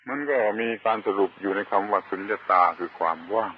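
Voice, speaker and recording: A man preaching a Buddhist sermon, slow and deliberate, pausing often and stressing key words. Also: on the low side, dull audio, a little hiss or hum. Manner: slow and deliberate, with long pauses and emphatic chanted words. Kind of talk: Dharma sermon.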